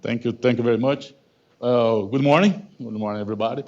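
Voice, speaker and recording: The guest lecturer is a man in his fifties from Brazil, Portuguese-speaking from birth, whose academic talk in the lecture hall comes out haltingly, with repeated self-corrections and "okay?" in a Brazilian Portuguese accent. He has a medium-pitched, slightly mellow voice, captured in dull audio.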